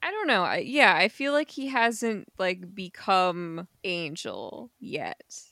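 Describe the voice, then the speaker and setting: A woman's voice: fairly low pitch, big pitch swings, slow pace, creaky, pushed and bright, no room sound. A woman co-hosting a casual comic book club podcast, making dry, wry remarks and thinking aloud. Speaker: podcast co-host.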